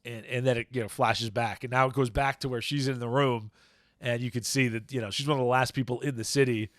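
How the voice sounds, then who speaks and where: A man's voice: medium pitch, steady tone, fast, no echo, clean studio sound. Rambling man recapping stories on a podcast. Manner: rambling, searches for words, recaps plots. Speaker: podcast host. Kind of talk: casual chat.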